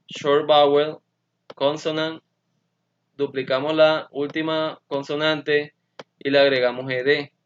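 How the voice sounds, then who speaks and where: A man teaching an English grammar lesson, speaking very slowly and carefully and repeating his examples so students can follow. His voice sits at an ordinary middle pitch, and the recording sounds dull and lo-fi. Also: clean tone. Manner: slow, careful explanation switching between Spanish and English.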